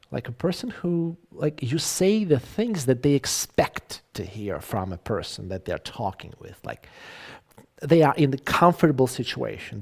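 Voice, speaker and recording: A man's voice: medium pitch, gravelly, darkish tone. A man teaching English in a live online lecture, acting out example phrases and repeating himself.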